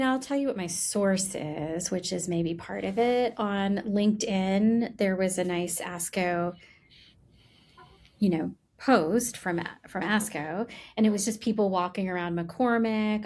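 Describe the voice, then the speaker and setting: A middle-aged woman from the United States, co-hosting a medical podcast in a chatty, quick way with joking asides. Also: fairly low pitch, fairly even intonation, a little mellow, rough recording. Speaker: podcast co-host, melanoma doctor. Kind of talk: casual podcast discussion.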